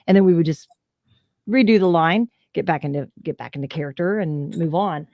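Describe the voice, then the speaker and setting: A woman voice actor from the Southern United States tells stories as a guest in a casual video-call interview. Her voice sits low and is a little mellow, and she talks fairly quickly, chatty and full of fillers. The recording is dry with clean studio sound.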